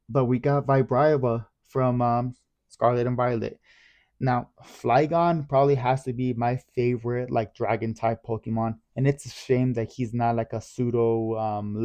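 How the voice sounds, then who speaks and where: A man's voice: medium pitch, dark tone. A man hosting his own collecting channel, chatting casually to camera in a rambling, enthusiastic way, often correcting himself.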